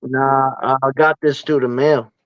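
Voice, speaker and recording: A man's voice: mid-range voice, level tone, unhurried, no echo. A man in his forties with a Boston accent, a guest on a livestream, talking in short, easygoing slangy replies over a muffled video call. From US East Coast. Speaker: guest caller. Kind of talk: casual livestream chat.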